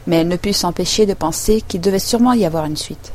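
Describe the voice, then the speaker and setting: A woman narrating a storybook chapter in a measured, clear reading voice. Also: lowish voice, a little mellow, slight background noise. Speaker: audiobook reader. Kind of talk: scripted narration.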